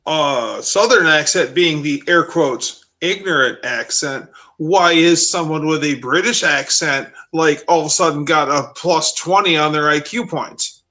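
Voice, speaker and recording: A man joins a casual group chat with quick, jokey asides. His voice is fairly high and bright.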